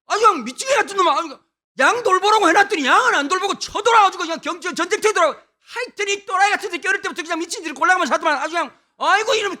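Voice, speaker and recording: A man playing a scornful, cursing young older brother with a Gyeongsang accent, shouting insults at his sibling. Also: very high voice, pitched above the performer's own voice, heavily acted. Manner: shouting insults, rapid and abusive.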